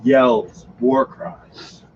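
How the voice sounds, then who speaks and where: A man running a tabletop game as game master, narrating scenes with dramatic pacing. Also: very slow. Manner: lively, dramatic narration with laughter. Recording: dull lo-fi recording with background noise.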